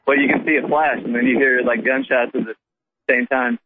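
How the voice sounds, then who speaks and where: A man calling into a radio show from his car while driving, talking in a halting but insistent way. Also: medium pitch, fairly even intonation, no room sound. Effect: phone call from a car. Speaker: radio caller. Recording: tinny dry phone line.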